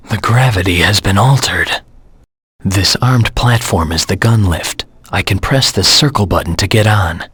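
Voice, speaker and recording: Shadow the Hedgehog, deep husky brooding antihero. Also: male voice, a bit bright, no room sound, studio quality, heavily acted. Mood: flat, instructive. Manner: brooding, terse, solemn. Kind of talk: video game character voice lines and narration.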